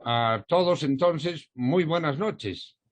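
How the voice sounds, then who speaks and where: A man's voice: a little high, expressive, slow pace. Courteous male event moderator. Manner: courteous and formal. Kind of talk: closing remarks of an online event.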